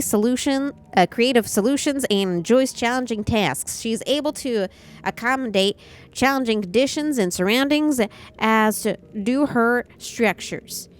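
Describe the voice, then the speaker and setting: Animated woman streamer reading aloud. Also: on the high side. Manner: reads aloud haltingly, stumbles over names, swears and laughs often. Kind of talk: casual gaming livestream chat.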